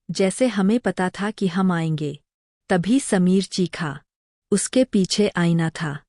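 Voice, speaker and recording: A woman narrating a scripted horror story in a measured, ominous way. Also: lowish voice, darkish tone, no room sound, clean studio sound.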